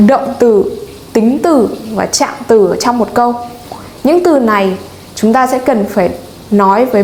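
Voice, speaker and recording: Woman, English teacher, slow careful delivery, higher voice, echoey room with faint background noise. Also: darkish tone. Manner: slow, deliberate, stresses key words. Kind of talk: bilingual pronunciation lesson.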